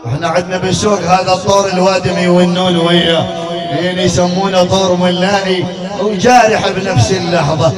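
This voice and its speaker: High-voiced Iraqi man chanting a lament. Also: flat delivery, fast talker, over a noisy crowd. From Iraq. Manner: alternates sung wailing lament with spoken storytelling. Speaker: eulogist at a mourning gathering. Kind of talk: chanted lament and mourning sermon. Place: mourning hall. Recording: echoey room, distant mic, music behind.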